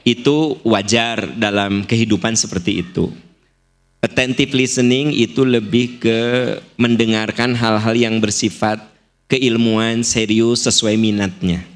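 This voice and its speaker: A man's voice: fairly low pitch, fairly even intonation, unhurried. A middle-aged man with a Sundanese accent giving a religious lecture in a mosque, explaining points with playful acted-out examples. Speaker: preacher. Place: large mosque.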